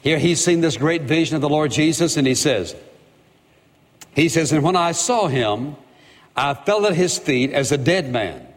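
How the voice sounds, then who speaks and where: A man's voice: a little high, lively intonation, moderate pace, long reverb tail. A man preaching a sermon as pastor, with an emphatic, repetitive cadence and rhetorical questions.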